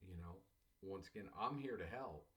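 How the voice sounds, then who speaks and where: A man's voice: low voice, expressive, normal speed, fairly bright tone. A man teaching a college English class, telling stories about students in a conversational way. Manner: conversational storytelling, addresses listeners as "class". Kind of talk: classroom lecture.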